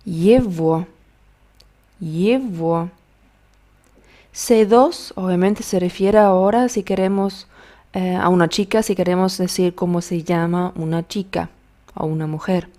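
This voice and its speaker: Female teacher, low mellow voice, slow patient drilling for beginners. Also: fairly even intonation. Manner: slow, patient drilling of words, modeling pronunciation. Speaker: language teacher. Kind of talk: video language lesson.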